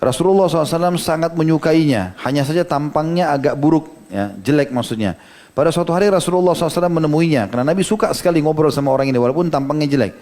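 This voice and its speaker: A middle-aged man preaching at a quick clip, walking his listeners through stories from hadith. He often drops in a short "ya" to check they are following. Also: on the high side, a little mellow. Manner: storytelling lecture, quoting hadith, frequent "ya" asides. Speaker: Islamic preacher. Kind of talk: sermon.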